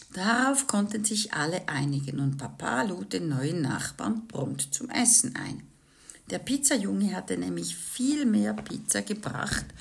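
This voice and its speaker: Woman storyteller, low, creaky voice, slow and animated read-aloud for kids. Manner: lively, with chatty asides to young listeners. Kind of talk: reading a children's book aloud.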